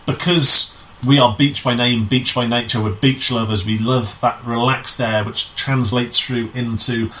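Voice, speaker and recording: An amateur pantomime director, appearing as an interview guest, tells stories in a casual, conversational way, restarting and repeating phrases as he explains. His medium-pitched voice is bright and forceful, with a steady tone and an unhurried delivery that has few pauses. The audio quality is poor.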